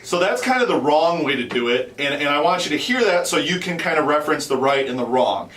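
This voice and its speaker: A man's voice: a little high, expressive, fairly quick, background noise. A man hosting an instructional video in an informal, conversational way, often repeating and rephrasing himself as he explains. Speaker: host and instructor. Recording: roomy echo, distant from the mic.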